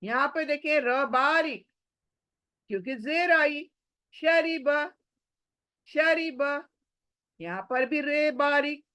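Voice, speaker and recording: Slow, patient woman teaching recitation. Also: high voice, lively intonation, pushed and bright, no room sound. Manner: slow and patient, drawing out example words, mixing in English phrases. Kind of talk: online lesson, explaining and demonstrating.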